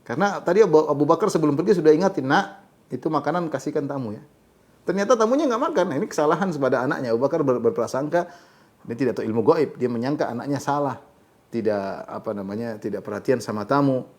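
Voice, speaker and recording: Animated male preacher retelling a hadith. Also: medium pitch, fast. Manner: animated storyteller, recites Arabic then explains it. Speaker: Islamic teacher. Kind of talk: religious lecture explaining a hadith.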